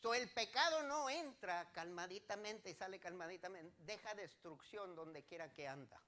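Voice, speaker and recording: A man's voice: sits high, animated, normal speed, pushed and bright. A male pastor preaching a sermon, rising to emphatic declarations and putting direct questions to the congregation.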